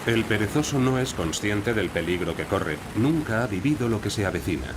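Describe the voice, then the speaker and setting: A man's voice: fairly low pitch, expressive, fairly quick. A man reading scripted narration as the narrator of a nature documentary. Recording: insect and wildlife noise behind voice. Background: rainforest ambience with crickets and insects.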